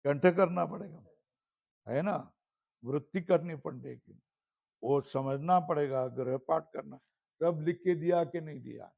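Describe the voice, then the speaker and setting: Slow high-voiced man quizzing students. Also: creaky. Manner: quizzing students, repeating "है ना?", chanting terms. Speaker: Sanskrit grammar teacher. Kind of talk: classroom lesson with question and answer drills. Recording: slightly dull lo-fi recording.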